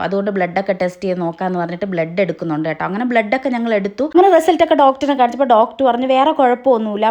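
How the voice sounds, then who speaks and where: A young woman with a Kerala Malayalam accent talks quickly in a casual, chatty vlog narration. She keeps tagging her sentences with little "kettoo"s as she explains things at a middling pitch. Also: a little mellow. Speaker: family vlogger.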